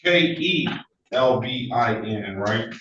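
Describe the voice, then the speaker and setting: Brisk male judge, distant courtroom recording. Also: medium pitch, expressive, bright, forceful tone. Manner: brisk, procedural, matter-of-fact. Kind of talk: court proceedings, reading cases. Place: courtroom or judge's meeting room. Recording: courtroom recording, roomy, distant, muffled, noisy.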